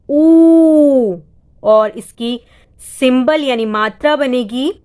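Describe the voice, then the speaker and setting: A woman tutor, patiently explaining vowel sounds step by step and drawing out each sound. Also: a little high. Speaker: home tutor teaching reading. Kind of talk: step-by-step lesson.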